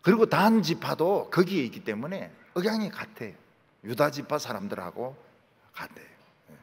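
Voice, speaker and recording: Animated Gyeongsang-accented pastor preaching. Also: male voice, fairly high pitch, moderate pace, breathy edge. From Busan, South Korea. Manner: animated storytelling, acts out dialect lines. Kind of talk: sermon. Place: large church sanctuary. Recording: long church hall reverb.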